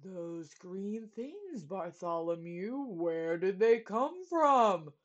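A woman's voice: medium pitch, big pitch swings, very slow, muffled recording. A woman voicing a flustered male royal trumpeter in a storybook, groggy and then wailing.

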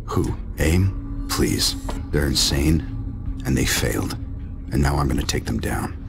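Gravelly, very low Tony Stark. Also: male voice, lively intonation, a little slow, over music, exaggerated voice. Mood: earnest, resolute. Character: confident, stubborn male inventor in an armored suit. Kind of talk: video game voice acting.

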